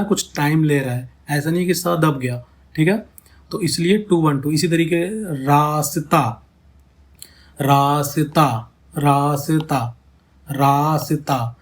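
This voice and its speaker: Man teaching poetry meter, repeating words. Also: on the high side. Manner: explains slowly, repeats words to show pronunciation; checks in often with "theek hai" and "hai na". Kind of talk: ghazal meter lesson.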